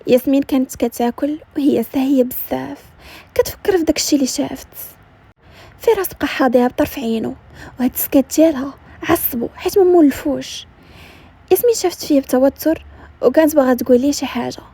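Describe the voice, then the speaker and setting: Woman narrator, Moroccan Arabic accent, brisk storytelling, high and quick delivery. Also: dark tone.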